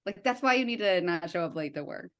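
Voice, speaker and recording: A young adult woman, a guest in a casual conversation, telling stories in an animated way with lots of fillers and acted-out quotes. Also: fairly low pitch, fast talker. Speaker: guest, writer and art director.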